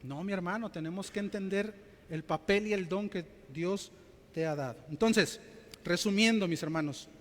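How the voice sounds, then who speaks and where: Addressing his congregation as "mis hermanos" again and again, this pastor delivers a story-driven sermon and performs the quotes he tells. His voice sits high, and a long reverb tail trails each phrase.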